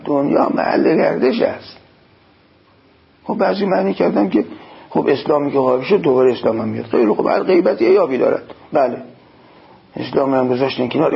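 Gravelly, husky male cleric preaching. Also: medium pitch, lo-fi sound. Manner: exhorting, quotes Arabic and explains it. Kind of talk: sermon.

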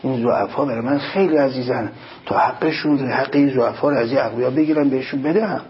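A man preaching a religious sermon, reciting Arabic passages and explaining them in Persian, rising emphatically on key points. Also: mid-range voice. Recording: dull lo-fi recording, faint noise.

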